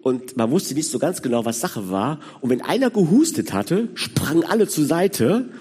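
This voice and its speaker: A man's voice: a little high, very animated, normal speed, darkish tone, breathy edge, big-room sound. A man in his sixties giving a sermon in a conversational way, speaking directly to the congregation. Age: 60s. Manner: conversational, addresses listeners directly. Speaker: preacher.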